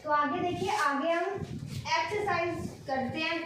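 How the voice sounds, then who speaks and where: A woman teacher explaining grammar, repeating each example slowly and checking in often. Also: very high-pitched. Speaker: English teacher. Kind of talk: classroom lesson explaining grammar. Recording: echoey room, distant mic, faint noise.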